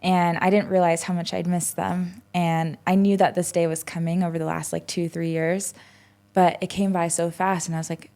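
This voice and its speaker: Woman, twenties, podcast guest; slightly low voice, loose reflective chat with frequent "um" and "like". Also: little pitch movement, moderate pace, mellow. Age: 20s. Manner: reflective, rambling with many fillers and restarts. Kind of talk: casual conversational interview.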